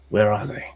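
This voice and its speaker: A man playing in a tabletop game with a lowish voice and an unhurried pace. He reacts to the game master with exasperated questions. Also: vocal fry, darkish tone, breathy edge. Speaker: player. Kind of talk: casual tabletop play.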